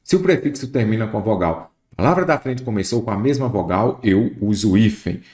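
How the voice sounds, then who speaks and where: A man's voice: fairly low pitch, expressive, a little fast, a little mellow. A man teaching an exam-prep lesson, explaining rules step by step and speaking directly to the student. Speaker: Portuguese teacher. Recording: roomy echo.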